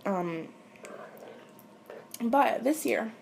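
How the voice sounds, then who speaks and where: Here the same young French-speaking woman from Quebec talks extremely slowly, her fairly high voice gravelly yet a little mellow, with lively intonation and a touch of hiss or hum. In her late teens or young adulthood, she replies to listener questions for her audio audience. It comes out candid, giggly, rambling and hesitant, like a casual chat.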